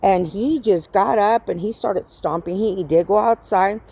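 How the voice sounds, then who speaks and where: A woman's voice: mid-range voice, moderate pace, warm tone, husky. Woman rambling through a story. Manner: rambling, profane, with many fillers. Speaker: vlogger. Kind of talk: casual storytelling to viewers.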